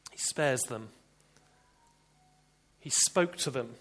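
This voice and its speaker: A man preaching a sermon, earnest, with emphatic bursts that drop back to soft, deliberate phrases. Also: medium pitch.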